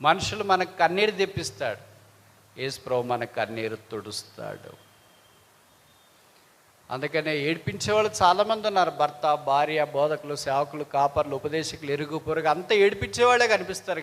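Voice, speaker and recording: A male preacher delivering a dramatic sermon, swinging from hushed lows to loud pleading highs, with strings of repeated rhetorical questions. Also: big-room sound.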